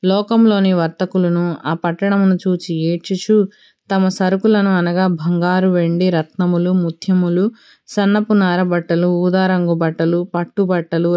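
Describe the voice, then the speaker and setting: A woman reading scripture aloud in a steady, solemn manner, as a scripted Bible reading. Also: lowish voice, smooth, highs cut off. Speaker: scripture reader.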